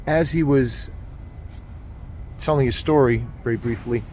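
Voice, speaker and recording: A man who teaches martial arts, telling a story to camera in an earnest, halting way, full of ums and uhs, at a train station. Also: medium pitch, darkish tone, slight background noise.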